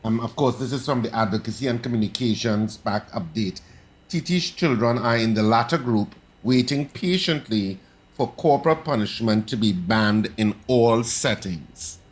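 A man's voice: medium pitch, normal speed. A man hosting a call-in morning radio show, emphatic and pushing hard on repeated words.

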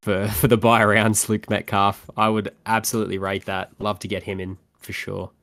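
A man's voice: lowish voice, flat delivery, normal speed, creaky, a bit bright. A man co-hosting a podcast in casual sports fantasy chat. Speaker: podcast co-host.

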